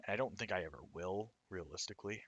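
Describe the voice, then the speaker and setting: A man with a hoarse, raw throat, casually explaining his own game while he plays it. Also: deep voice, fast talker, fairly bright tone, no echo, dull audio. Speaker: indie game developer. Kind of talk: let's-play commentary.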